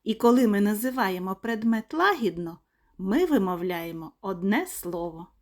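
A woman teaching small children in a slow, sing-song lesson voice, pronouncing each word clearly and deliberately. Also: mid-range voice, lively intonation. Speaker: kindergarten teacher.

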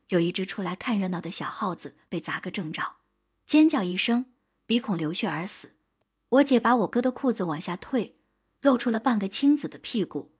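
A woman narrating an audiobook in a steady, measured storytelling manner. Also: mid-range voice, husky.

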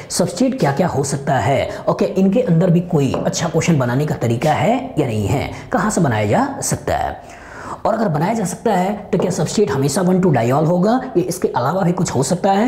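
A man's voice: a little high, mellow. A middle-aged male chemistry teacher recaps a topic for exam students, earnestly repeating a refrain as he drills each key point in front of a digital board. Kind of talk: exam-prep lecture recap. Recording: roomy studio echo.

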